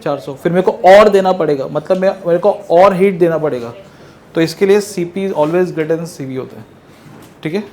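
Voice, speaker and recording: A male physics teacher, lecturing in a quick, lively way. His voice sits high for a man, and he keeps asking his class questions and then answering them himself.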